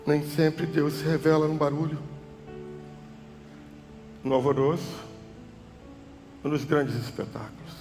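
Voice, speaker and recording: A male pastor with a Brazilian Portuguese accent preaching a sermon, swinging from loud cries to soft, hushed tones. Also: on the high side, fairly even intonation, slow, pauses often. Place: church hall. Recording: church hall reverb with music behind.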